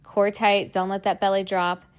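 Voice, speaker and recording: A woman's voice: mid-range voice, flat delivery, normal speed, clean tone. Encouraging woman coaching a workout. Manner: encouraging, cueing moves while exercising. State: strained, working out while talking. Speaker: fitness instructor. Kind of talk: workout class instruction.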